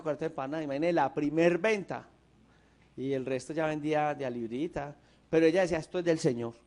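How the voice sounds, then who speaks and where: A man with a Colombian Paisa accent preaching a sermon, an animated storyteller who swings between emphatic and hushed delivery. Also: fairly high pitch. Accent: Colombian Paisa, Antioquia. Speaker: pastor.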